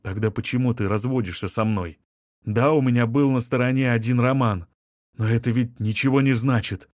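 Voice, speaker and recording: A man's voice: medium pitch, moderate pace, darkish tone, dry recording, studio quality, natural voice. A man narrating an audiobook, playing an irritable, portly middle-aged mayor who snaps impatiently. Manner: snappish, impatient.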